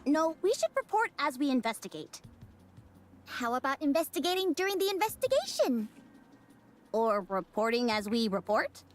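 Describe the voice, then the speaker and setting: A chatty young squad girl from a game, high and bouncing in pitch. She bickers and dithers in quick banter. Soft music runs behind. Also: very animated. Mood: bickering. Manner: bantering and indecisive. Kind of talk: game voice acting.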